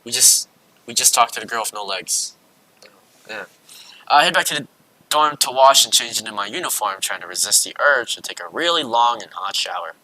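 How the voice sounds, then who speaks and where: Bright-voiced man reading a game aloud. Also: mid-range voice, animated, brisk. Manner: casual, self-mocking asides. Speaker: streamer. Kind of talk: reading a visual novel aloud on stream. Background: faint game music.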